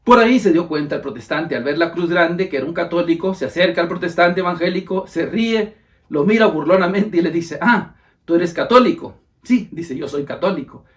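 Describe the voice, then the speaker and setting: Male preacher with a raised pitch, fervent and repetitive, speaking as if to a brother. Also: fairly quick. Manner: fervent, repeats phrases for emphasis, addresses listener as brother.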